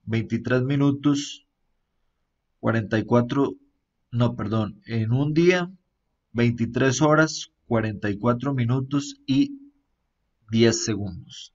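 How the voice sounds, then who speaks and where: A man talks at an easy, middling pitch through a screen-recorded app tour. He keeps it relaxed, often tagging sentences with a questioning aside and pausing on fillers. The recording sounds a little dull and muffled. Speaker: app reviewer.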